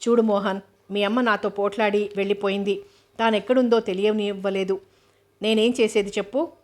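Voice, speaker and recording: A woman reading aloud, voicing a gentle male doctor who consoles his son in soft speech. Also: mid-range voice, steady tone, brisk, natural voice. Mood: tender.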